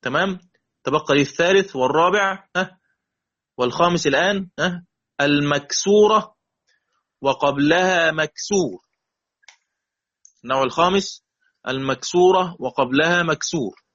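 A man with an Egyptian accent teaching Quran recitation in a classroom lesson, drawing out example words slowly and checking often that students follow. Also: on the high side, a bit bright, dull audio. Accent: Egyptian Arabic.

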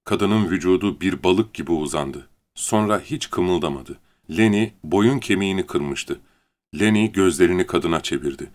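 A man narrating an audiobook in a measured, steady reading manner. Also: low voice. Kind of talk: scripted narration.

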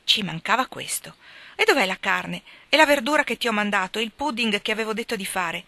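A mild, kindly young husband, read by a woman, flustered and coaxing, then sharper with exasperation. The voice stays bright and clear in a dry, close storybook recording. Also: mid-range voice, animated, a little fast, no echo, voice pushed up.

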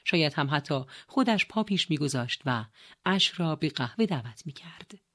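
A woman narrating an audiobook in a steady, measured reading style. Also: sits low. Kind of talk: scripted narration.

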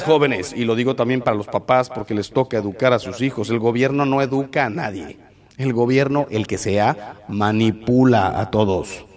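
Man, Mexican accent, middle-aged priest, lively talk to youth, emphatic, ironic, sudden leaps in pitch and volume. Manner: mixes in quick anecdotes and sarcastic asides. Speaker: priest, speaker to young people. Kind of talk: lively talk to a young audience.

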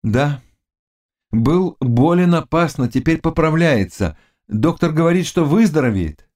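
A small knight speaks in a calm, firm voice set a little higher than plain speech, as a male audiobook reader puts him on. He stays steady and measured. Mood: sober.

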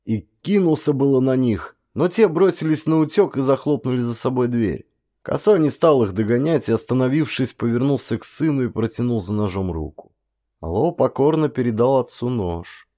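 A man reading a story aloud as narrator, in an even, measured storytelling manner. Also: mid-range voice. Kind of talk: scripted audiobook narration.

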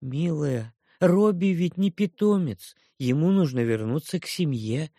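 A gentle, caring mother from a storybook, soft and fussing over her children, as a man reading aloud puts her on. The voice sits higher than his own and keeps a gravelly edge. The recording is close and dry. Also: expressive, moderate pace, no echo. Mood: fussing motherly.

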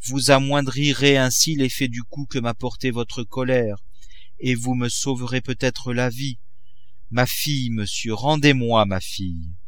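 A man voicing an ailing older mother who pleads slowly and wearily. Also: mid-range voice, fairly even intonation, a bit bright, natural voice. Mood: pleading. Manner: slow, imploring, weary.

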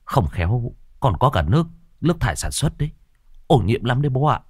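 A man's voice: mid-range voice, very animated, brisk, a little mellow, slightly rough, no room sound, clean studio sound. A man voicing a worried, squeamish teenage son who pleads anxiously with his father.

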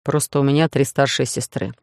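A woman voicing a bossy, jealous young man in a romance audiobook, gruff and grumbling. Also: a bass voice, fairly even intonation, a little fast, a little mellow, dry recording, clean studio sound.

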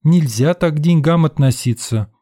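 A man voicing a prim, indignant woman in a queue in an audiobook, lecturing and loud. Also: on the high side, a little slow, dry recording, studio quality, pitched above the performer's own voice, lightly acted. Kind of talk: audiobook character voice.

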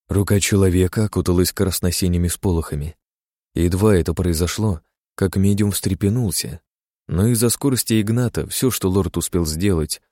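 A man reading a fantasy audiobook as narrator, in a dramatic, steady reading style. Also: sits low, no room sound, clean studio sound. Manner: dramatic, steady reading that voices characters' shouts.

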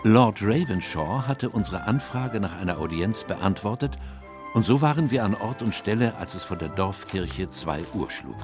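An actor playing a gentlemanly Victorian doctor narrating a detective case in measured radio-play storytelling. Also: male voice, lowish voice, lively intonation, close to an everyday voice. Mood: composed, narrating. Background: music.

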